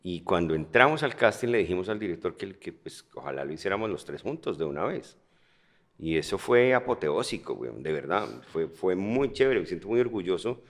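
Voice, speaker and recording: A man with a Colombian accent, a guest actor on a podcast, telling stories in a joking, slangy way. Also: low-pitched. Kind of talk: casual podcast conversation.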